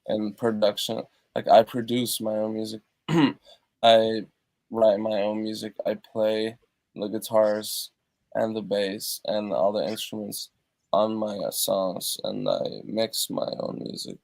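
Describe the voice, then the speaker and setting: On a video call from his treated home studio, a European musician gives an interview in a halting manner, restarting often and using many fillers. His voice sits on the low side with little pitch movement and a slightly mellow quality, free of echo.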